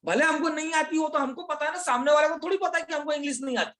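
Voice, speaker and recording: A man's voice: extremely high pitch, fast, a bit bright. A man teaching a leadership class, explaining step by step, repeating key phrases and mixing English words into his talk. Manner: asks questions and answers them himself. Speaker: leadership trainer. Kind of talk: motivational class lecture.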